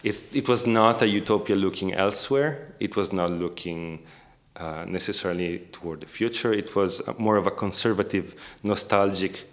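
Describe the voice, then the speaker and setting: Low-pitched, careful academic man. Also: moderate pace. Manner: hesitant, careful academic phrasing with frequent rewording. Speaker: academic researcher, interviewee. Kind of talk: scholarly interview discussion.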